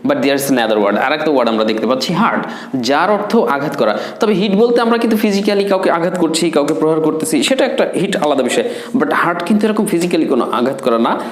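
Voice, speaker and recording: Man teaching English, echoey room. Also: on the high side. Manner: repeats words and forms slowly, drills pronunciation. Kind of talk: spoken English lesson.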